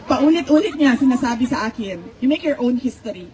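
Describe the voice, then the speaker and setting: Filipino woman telling stories, slightly high voice. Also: expressive, brisk, a crowd in the background, poor audio. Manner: mixes Tagalog and English, laughs often. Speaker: speaker recounting family stories. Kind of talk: conversational storytelling.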